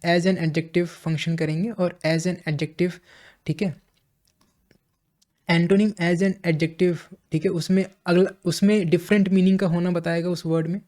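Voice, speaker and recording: In a high, warm voice, an Indian-accented man teaches English vocabulary the way a classroom lesson runs, with slow explanations, repeated phrases and frequent check-ins with listeners.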